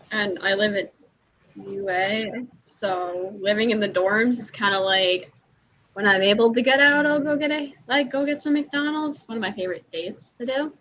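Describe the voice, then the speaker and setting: A woman cosplayer chatting in character on a livestream, bubbly and excitable. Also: a little high, muffled recording. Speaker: cosplayer answering questions in character.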